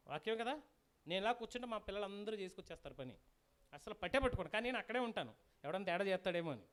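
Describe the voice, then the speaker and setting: A guest preacher delivering a sermon with a folk tale, lively and constantly asking the audience questions. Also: mid-range voice.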